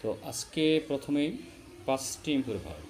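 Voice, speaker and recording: A man teaching English vowel sounds to students, addressing them directly, slowly spelling out letters and repeating key sounds. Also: mid-range voice, very animated, a little mellow, slight background noise. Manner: slow, drawn-out spelling of letters. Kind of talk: classroom-style phonetics lesson.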